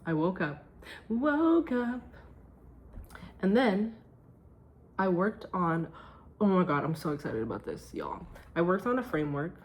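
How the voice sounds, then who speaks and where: At home at night, a woman with a lowish voice films a casual, chatty vlog, very animated and at a moderate pace. She talks about her day and her well-being research in an emphatic way, often joking at her own expense.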